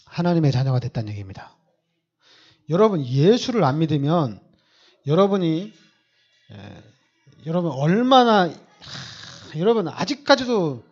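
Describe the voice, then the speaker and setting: Emphatic preaching man, high lively voice. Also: highs cut off. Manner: emphatic, repetitive preaching with rhetorical questions. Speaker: pastor. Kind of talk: sermon.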